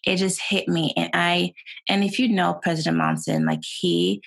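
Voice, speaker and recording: A woman's voice: fairly low pitch, fairly even intonation, normal speed, vocal fry. A young woman from Sweden, a guest chatting casually on a video call, laughing often and full of fillers. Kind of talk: casual interview chat.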